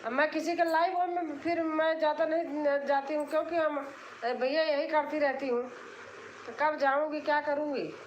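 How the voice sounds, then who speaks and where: A woman's voice: high-pitched, steady tone, normal speed, roomy sound, dull audio, slight background noise. A woman from Allahabad, hosting a casual live stream and answering comments in an insistent, repetitive way, explaining herself. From Allahabad, India.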